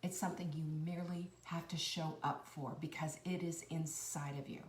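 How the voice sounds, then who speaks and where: Woman, motivational talk, earnest, encouraging, repeats phrases, high bursts and near-whispers, echoey room, slightly distant mic. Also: moderate pace, slight background noise. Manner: animated, swinging between high bursts and soft near-whispers. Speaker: host of a cooking and life-tips channel. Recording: roomy echo, a bit far from the mic.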